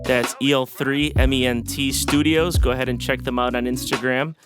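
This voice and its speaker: A man's voice: medium pitch, steady tone, moderate pace, over music. A man hosting a podcast, upbeat and encouraging as he introduces and questions his guest. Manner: upbeat, encouraging, many fillers. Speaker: podcast host and real estate broker.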